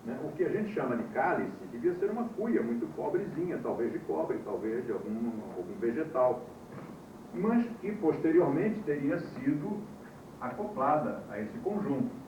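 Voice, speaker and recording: This course instructor lectures his class in a medium-pitched, sing-song voice at a normal speed, spinning wry stories and testing his students with questions. The mic sits far from him, and the old VHS tape sounds muffled and echoey, with noise in the background.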